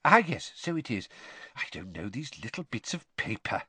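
A man voicing an anxious, cheerful middle-aged wizard father who chirps brightly and stammers when flustered. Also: lowish voice, very animated, normal speed, husky, no room sound, heavily acted.

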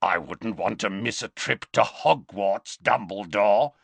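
A man voicing a menacing male werewolf with a rasping, barking voice. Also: fairly low pitch, unhurried, a bit bright, dry recording, exaggerated voice. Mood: gloating. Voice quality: rasping bark.

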